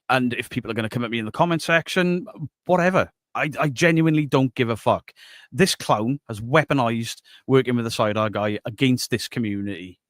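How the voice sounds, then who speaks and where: A man's voice: medium pitch, no echo, studio quality. A man, a paranormal video creator, ranting angrily and swearing at someone. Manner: angry, profane ranting. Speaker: paranormal YouTuber.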